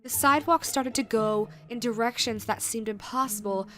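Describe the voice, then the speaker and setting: A woman reading a scripted creepypasta horror narration in a measured way, with dramatic pauses. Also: fairly high pitch, fairly bright tone. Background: background music.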